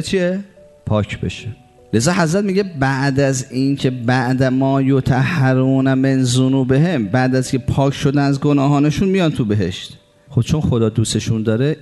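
A man delivers a religious sermon in an ordinary middle-pitched voice. He recites quotations slowly, asks rhetorical questions and answers them, and strings together long lists. Soft music plays faintly behind him. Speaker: preacher.

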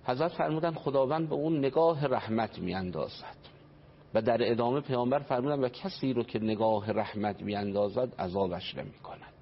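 Man, earnest radio speaker on family and faith, explanatory, dull broadcast sound with faint hiss. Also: lowish voice. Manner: earnest, explanatory, quotes traditions. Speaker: family counselor. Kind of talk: religious family talk on radio.

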